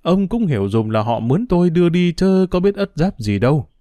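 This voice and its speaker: A man's voice: a little high, big pitch swings, brisk, mellow, dry recording, pitched above the performer's own voice. A man voicing a humble older ferry boatman who talks deferentially, with fretful exclamations. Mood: alarmed.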